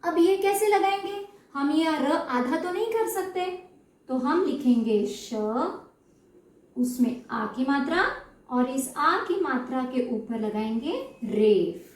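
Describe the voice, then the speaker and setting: A woman's voice: high-pitched, expressive, slow. A woman teaching Hindi spelling to children, drawing out syllables to model how they sound and often checking that they follow. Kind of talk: slow explanatory lesson. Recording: echoey room, mic at a distance.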